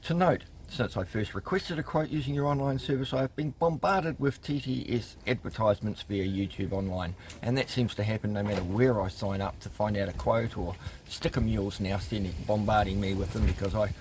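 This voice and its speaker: His voice is on the low side and a little fast, with a little hiss or hum in the recording. The New Zealand consumer rights vlogger relates a customer complaint story with wry exasperation, reading emails aloud and using plenty of ums.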